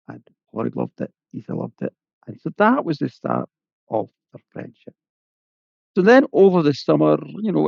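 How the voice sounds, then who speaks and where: A man's voice: mid-range voice, gravelly, dry recording, highs cut off. A man with an Irish accent telling a folk tale aloud in a chatty, folksy way, with asides to the listener. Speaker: storyteller. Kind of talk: oral storytelling.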